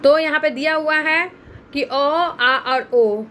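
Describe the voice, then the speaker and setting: High-pitched woman teacher, Bihari Hindi accent, patient step-by-step lesson delivery, faint background hiss. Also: takes it slowly, fairly bright tone. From India. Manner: patient step-by-step explaining, asks and answers own questions. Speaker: school teacher. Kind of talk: recorded Hindi grammar lesson.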